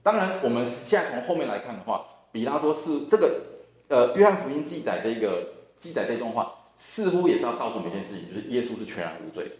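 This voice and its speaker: A man's voice: mid-range voice, big pitch swings, quick pace, a little mellow. A man with a Taiwanese Mandarin accent, a church deacon teaching a Bible study class, who acts out the dialogue from the passage. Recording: echoey room.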